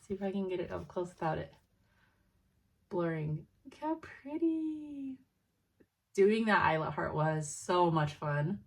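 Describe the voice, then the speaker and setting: A woman's voice: fairly low pitch, steady tone, moderate pace, creaky. A young woman in casual, rambling chat as a cross-stitch vlogger at home, sounding sleepy and laughing often.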